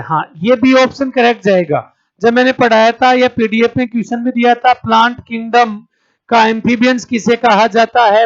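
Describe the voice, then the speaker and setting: A male teacher runs an exam-prep class in a high, light voice, posing each question to his students and answering it himself. He calls them "beta" and keeps checking in with them. The sound is dull and lo-fi, like a streamed lecture. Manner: calls students 'beta', checks understanding with 'theek hai'.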